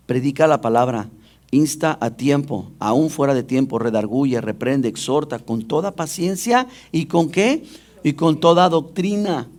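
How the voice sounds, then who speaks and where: A man's voice: mid-range voice, a little mellow. A man preaching a sermon as pastor, often putting questions directly to the congregation.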